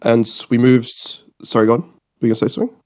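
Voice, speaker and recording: Fast and a little mellow, with a mid-range voice that barely moves in pitch, a twenty-year-old podcast guest chats casually and rambles informally. He's from Australia, was born in Mauritius, and lived in the UK.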